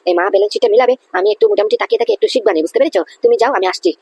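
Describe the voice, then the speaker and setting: A woman's voice: fairly high pitch, big pitch swings, racing, creaky, dark tone, slightly rough, full character voice. A woman voicing a quarrelsome, hot-tempered grown-up son in a cartoon. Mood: evasive. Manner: quarrelsome, blustering.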